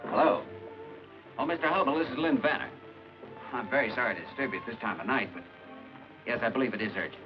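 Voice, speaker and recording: An actor playing a stubborn, guilt-ridden man in a 1950s film, talking quietly and with restraint. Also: mid-range voice, quick pace, pauses often, lightly acted. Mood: polite. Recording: dull old film soundtrack with music.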